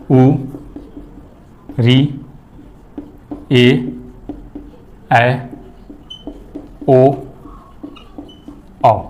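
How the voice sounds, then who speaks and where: Slow, repetitive higher-voiced male teacher. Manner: repeats key words and asks questions he answers himself; stretches vowel sounds long to demonstrate. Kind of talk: exam-prep grammar lecture.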